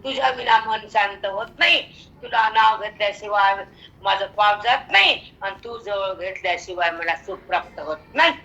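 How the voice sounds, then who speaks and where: An older woman with a Marathi accent giving a devotional discourse on scripture, slowly chanting verses and then explaining them in lively spoken asides. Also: medium pitch, highs cut off. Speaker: spiritual teacher expounding scripture.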